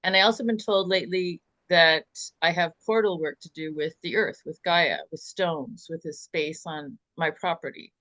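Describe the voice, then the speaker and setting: A woman's voice: lowish voice, moderate pace, hardly any pauses, a bit bright, no echo. A woman on a call who asks a rambling question in a hesitant way, stopping and restarting often. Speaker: caller.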